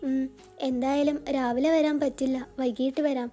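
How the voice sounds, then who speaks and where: A woman voicing a tender young husband in a storybook narration, speaking softly and soothingly. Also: high-pitched, steady tone, moderate pace, faint music behind, natural voice. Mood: subdued. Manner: soft, soothing and affectionate. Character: tender young man, gentle and teasing husband.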